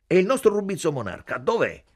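A man's voice: fairly high pitch, huge pitch swings, brisk, a little mellow, pitched above the performer's own voice. A man voicing a sardonic, talkative reporter. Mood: ironic. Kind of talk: audiobook reading.

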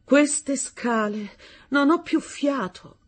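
A woman voicing a breathless, flirtatious foreign countess who speaks high and eager. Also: lively intonation, moderate pace, darkish tone, breathy edge.

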